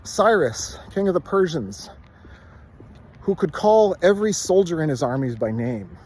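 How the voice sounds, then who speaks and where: A man reciting a literary text by rote from memory, in short measured phrases. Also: on the high side, sing-song, darkish tone.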